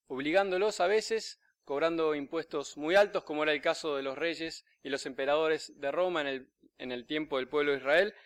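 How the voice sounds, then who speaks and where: A man with a Rioplatense accent preaching a homily, telling a story with rising emphasis and soft, low endings. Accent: Rioplatense Spanish. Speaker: priest. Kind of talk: sermon.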